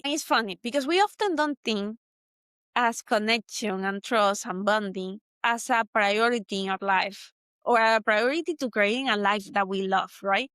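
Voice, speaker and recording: A Venezuelan podcast host speaks with a Venezuelan Spanish accent in a slightly high, somewhat bright voice, recorded cleanly in a studio with no room sound. Hosting a solo motivational talk, she is earnest and reflective and repeats her points for emphasis.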